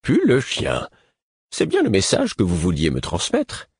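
A man voicing an eager, impatient young prince in a lively, excitable voice. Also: low-pitched, normal speed, breathy edge, no room sound, studio quality, full character voice. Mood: excited.

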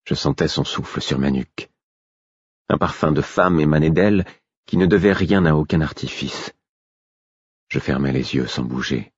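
A man narrating a story in the first person, reading in a calm and measured way. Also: rumbling low, slightly rough, no echo, dull audio. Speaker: audiobook narrator.

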